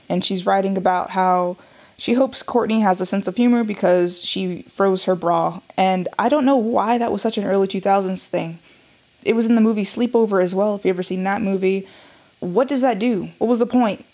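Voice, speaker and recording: A woman's voice: medium pitch, darkish tone. A woman hosting a podcast, recapping a cartoon episode in a casual, chatty way with frequent fillers and asides. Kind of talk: casual chat.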